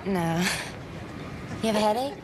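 An actress playing a smooth, chatty woman artist in a naturalistic TV film. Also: medium pitch, unhurried, natural voice. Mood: casual, probing. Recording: noisy film soundtrack with background ambience.

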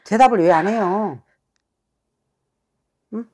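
A woman's voice: medium pitch, takes it slowly, dark tone, husky. A woman shaman harshly scolding a client during a consultation. She swears as she berates, and keeps demanding answers. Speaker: shaman fortune teller.

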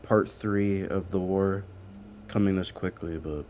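A man's voice: low voice, fairly even intonation, unhurried, a little mellow. A man co-hosting a stream, chatting casually and hesitantly, with lots of fillers and restarts. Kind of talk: casual chat.

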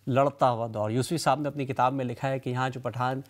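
A man, hosting a TV talk show and opening it with a measured, reflective studio monologue. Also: mid-range voice, fairly even intonation. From Karachi, Pakistan. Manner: measured, reflective storytelling with rhetorical lists. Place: TV studio with city backdrop, indoors.

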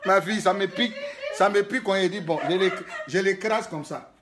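A man's voice: high-pitched, fairly quick, background noise. A man, a prophet filming a casual video diary in a hotel room on a handheld phone, telling stories animatedly with laughs and exclamations. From Côte d'Ivoire. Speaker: prophet and spiritual guide.

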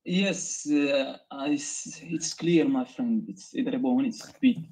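A man's voice: mid-range voice, a little slow, a little mellow, slightly rough, low-quality recording. A man from Morocco calling in to a live debate, answering hesitantly with short replies and fillers. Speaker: caller. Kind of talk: phone-in debate.

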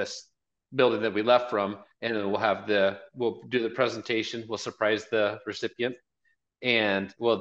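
A fairly low, fairly bright male voice comes from a man in his fifties who serves as a college marketing director and event organizer. Guesting earnestly on a casual video-call interview, he repeats phrases often; he's in a small indoor office, and the call audio is dull and lo-fi.

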